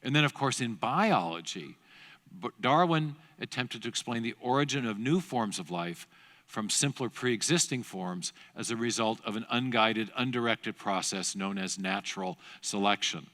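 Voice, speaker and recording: A man's voice: medium pitch, moderate pace. Man lecturing in a reverberant church hall. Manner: animated storyteller with restarts and asides. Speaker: guest speaker at a church seminar. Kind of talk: lecture-style talk to a congregation. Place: large church auditorium.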